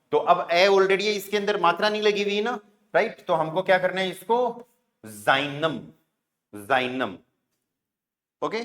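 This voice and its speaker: A Hindi-speaking man teaching German pronunciation rules in a classroom lesson, spelling words letter by letter, sounding them out slowly and often asking "right?" and "okay?". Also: sits high, a bit bright.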